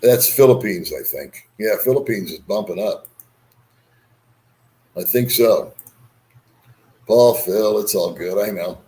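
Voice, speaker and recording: A man's voice: on the low side, expressive, slow, pauses often, warm tone. A man hosting a casual livestream, rambling easily as he reads and answers viewer comments with bantering remarks. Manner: rambling, chuckling, easygoing banter. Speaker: livestream host.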